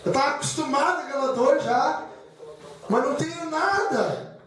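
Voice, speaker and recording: A man's voice: very high-pitched, animated, moderate pace, crowd noise. A man preaching a sermon with personal testimony, emotional and repetitive, calling the congregation brothers. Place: church hall. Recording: echoey church hall from far off.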